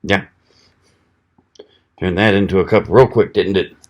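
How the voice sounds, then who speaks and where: A man from the American South, reviewing a knife on camera in a relaxed, folksy way, thinking aloud while he cuts. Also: sits low, measured pace, highs cut off. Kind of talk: casual product test vlog.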